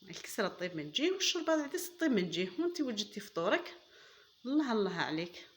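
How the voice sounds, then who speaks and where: This woman races through a casual cooking demonstration in a sing-song, medium-pitched voice. With an Algerian Arabic accent, she chats eagerly to her viewers, addressing them as "girls" and heaping praise on the recipe as she cooks.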